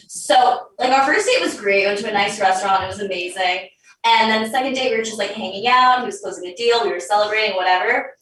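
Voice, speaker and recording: A woman's voice: medium pitch, fast, a bit bright. Chatty young woman in a roomy space. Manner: chatty, lots of "like" fillers. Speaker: podcast guest. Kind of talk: casual storytelling. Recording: roomy, distant mic.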